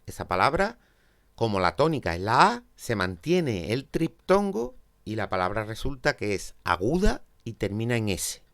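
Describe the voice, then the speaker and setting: A man's voice: fairly low pitch, very animated, normal speed, fairly bright tone. A man from Spain with a Peninsular Spanish accent, teaching a grammar lesson step by step and checking in with his students. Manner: explains step by step, checks in with "¿vale?".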